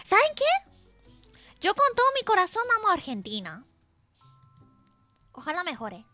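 A woman's voice: very high-pitched, huge pitch swings, moderate pace, pushed and bright, dry recording, faint music behind. A woman streaming as a VTuber, chatting casually and playfully, teasing her chat and reading messages aloud.

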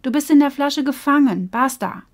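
A woman's voice: on the high side, very animated, moderate pace, slightly rough, exaggerated voice. A woman voicing Bo, an earnest young fish who speaks bluntly and insistently. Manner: insistent and scolding.

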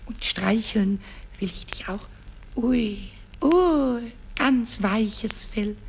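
A man's voice: sits high, gravelly, roomy sound, big-room sound, a little hiss or hum, heavily acted. An actor voicing a mischievous, childlike little male kobold in a vintage radio play, stammering, giggling, and jumping between whispers and squeals. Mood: excited, tender.

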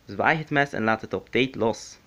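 A man playing the instructor in a spoof tutorial, giving commands in a put-on flat robot voice. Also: fairly low pitch, moderate pace.

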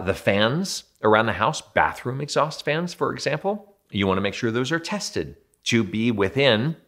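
Speaking from an indoor studio, a building performance consultant in his thirties talks to camera about quality control in homes. His voice is on the low side with a fairly bright tone, and his manner is chatty and self-deprecating.

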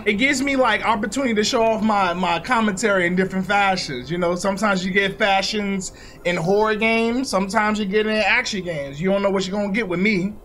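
A man's voice: sits high, brisk, fairly bright tone, slight background noise. A young man giving joking, slangy commentary on a horror game he is playing. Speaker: gaming YouTuber. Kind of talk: let's play commentary.

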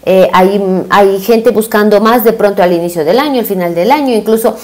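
A woman's voice: mid-range voice, normal speed, darkish tone. A woman in her thirties presents a business webinar over a video call. She explains step by step, dropping fillers and tag questions as she goes, and moves her hands while she talks. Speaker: business and marketing consultant. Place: indoor room, small webcam inset.

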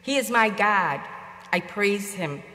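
An older woman reads scripture from a church lectern. Her delivery is slow, deliberate and declamatory, at a middle pitch, carried by a long cathedral echo. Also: expressive, pushed and bright. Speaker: church lector. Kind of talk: scripture reading and responsorial psalm. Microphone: lectern gooseneck microphone.

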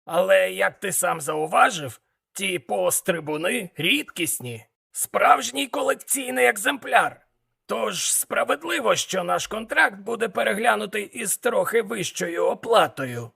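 Guy doing a high raspy scheming devil dealer, lively and wheedling, storybook audio. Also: unhurried, full character voice. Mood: haggling. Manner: nervous, wheedling, bargaining. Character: scheming haggling male devil trader.

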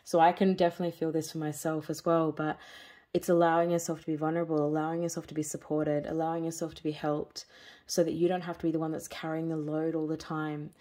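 A woman giving a spiritual tarot reading, talking in slow, soothing, repetitive phrases. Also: deep voice, level tone, warm tone. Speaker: tarot reader.

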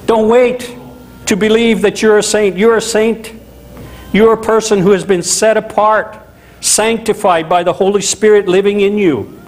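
This Louisiana pastor, a middle-aged man, preaches in a small chapel at a moderate pace with a high-sitting voice. His delivery is lively and conversational, full of asides, though the recording is rough.

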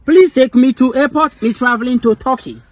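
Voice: sits high, normal speed. An actor playing a brash, gullible older Nigerian mama in a comedy skit, speaking pompous mangled English with put-on airs and a Nigerian accent. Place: inside a parked car. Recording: noisy car interior recording.

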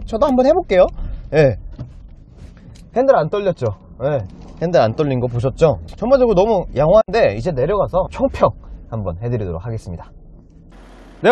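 A man's voice: on the high side, a little mellow. A man in his thirties presenting a car as a used car dealer, with polite, enthusiastic salesman patter in a casual walkaround style. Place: inside a car and in an underground car park.

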